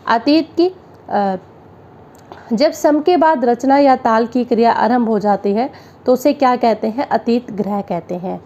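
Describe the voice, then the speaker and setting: A woman gives an exam-prep music theory lecture, posing questions and then answering them herself. Her voice sits fairly high but sounds mellow and dark. She sings out note syllables as examples, and the recording is a little dull and lo-fi. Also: a little slow.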